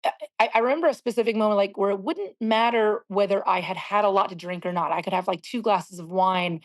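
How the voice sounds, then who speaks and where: Woman in her 40s, singer guest, candid and reflective, mid-pitched voice. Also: quick pace. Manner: reflective, searching for words. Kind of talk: candid interview talk.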